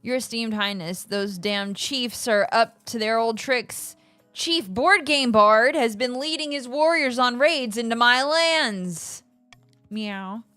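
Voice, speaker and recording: A woman's voice: fairly high pitch, takes it slowly, sharp tone, clear, resonant tone, no echo. A woman voicing an aggrieved, pompous noble in a theatrical, complaining game role-play manner, with music behind. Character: aggrieved, pompous noble patrician pleading to a ruler.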